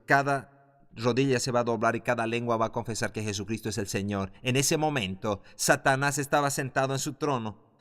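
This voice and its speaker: A man teaching a Bible class in a fervent preaching style, building to loud exclamations. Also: mid-range voice. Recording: long hall reverb.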